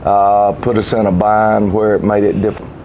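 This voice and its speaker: A man speaking as a football coach, giving halting, deliberate unscripted game commentary. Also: on the low side, level tone, mellow, a little hiss or hum.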